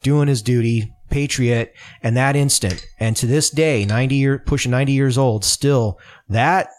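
A man's voice: medium pitch, moderate pace, slight background noise. A man being interviewed as a political candidate, talking in an earnest, rambling way with many false starts, in a home room. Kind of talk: casual podcast conversation. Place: home room with open window.

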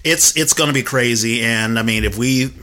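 A man's voice: mid-range voice, normal speed, pushed and bright. A man hosting a podcast, chatty and rambling, full of you-knows. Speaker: podcast host. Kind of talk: casual interview chat.

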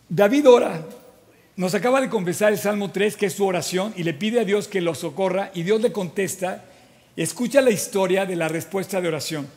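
Guy preaching, high voice, retells bible stories all lively with asides, long church echo. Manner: animated storytelling, frequent restarts and asides. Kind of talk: sermon with Bible reading. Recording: long hall reverb.

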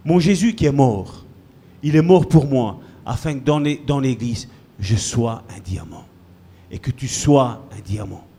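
A man preaching a sermon as pastor, swinging between loud bursts and low, quiet lines. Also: expressive, a little slow, husky.

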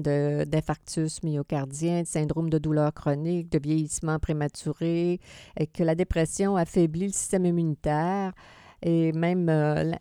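A woman's voice: low-pitched, warm tone, smooth, dry recording, studio quality. A woman with a Quebec French accent co-hosting a conversational podcast, hesitating and repeating words as she searches for phrasing. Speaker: podcast co-host, counselling professional.

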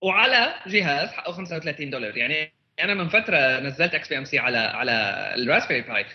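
A man's voice: a little high, big pitch swings, very fast, dull audio. A man with a Levantine Arabic accent in a casual tech discussion, often repeating words as he searches for phrasing and mixing in English terms.

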